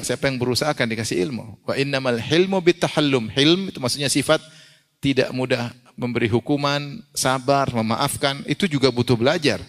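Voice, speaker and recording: A man's voice: medium pitch, fairly bright tone. A man preaching an Islamic sermon, reciting hadith in Arabic and asking his listeners questions he then answers himself, sometimes acting out the people he quotes. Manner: asks the audience questions and answers them himself; acts out quoted people in a raised voice. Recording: long hall reverb.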